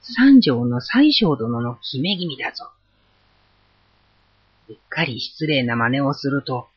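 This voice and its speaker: A tiny storybook boy hero, brave and proud, barks out bold warnings, as a narrator puts him on. The voice is husky and jumps around in pitch. The recording is dull and lo-fi. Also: animated, slow. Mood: defiant. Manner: shouting boldly.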